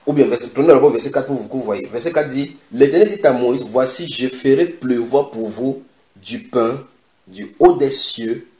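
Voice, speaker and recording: A man's voice: mid-range voice, moderate pace. Echoey male preacher delivering a sermon. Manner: animated, repeats phrases for emphasis, breaks into song. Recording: echoey room.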